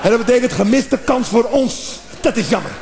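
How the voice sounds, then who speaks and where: A man doing a stand-up comedy routine, animated, with sudden shouted outbursts and acted-out noises. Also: very high-pitched, brisk, crowd noise.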